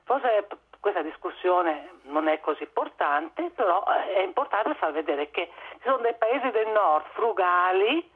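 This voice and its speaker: A woman's voice: lowish voice, expressive, a little slow, breathy edge. A woman from Italy with a slight German tinge to her Italian, giving spontaneous interview answers as an expert, often searching for words and repeating them. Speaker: expert guest on migration. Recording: muffled narrow-band phone or radio line.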